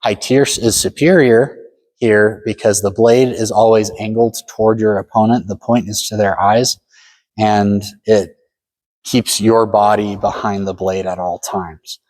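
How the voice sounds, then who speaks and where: A man's voice: fairly low pitch, fairly even intonation, a little slow, darkish tone. A man giving a step-by-step demonstration lesson as a fencing instructor, matter-of-fact and full of directions.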